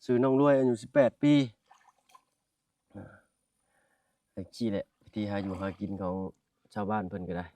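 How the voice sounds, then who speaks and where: Walking outdoors through a village, a chatty Isan man narrates a casual vlog in a northeastern Thai accent. His voice is on the low side and warm, at normal speed with frequent pauses, recorded dry and at a distance with a little hiss or hum. He calls his viewers brothers and sisters and often apologizes.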